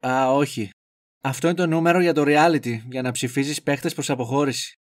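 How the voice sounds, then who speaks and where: A man's voice: medium pitch, fairly even intonation, close to an everyday voice. A clueless, fussy young man who dithers and rambles, played by a man. He sounds goofy and oblivious, with an ordinary mid-range voice. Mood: dithering.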